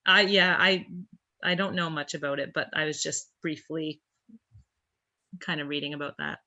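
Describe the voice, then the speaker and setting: Bright-voiced English woman. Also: sits low, steady tone, normal speed. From England. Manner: chatty, thinking aloud. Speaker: podcast guest. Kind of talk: casual conversation.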